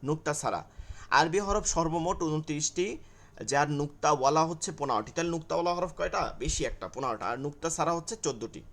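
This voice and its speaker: Guy teaching quran letters online, slightly high voice, asks then answers himself. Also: brisk, a bit bright. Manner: drills letters, asks and answers own questions. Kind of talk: online class lecture.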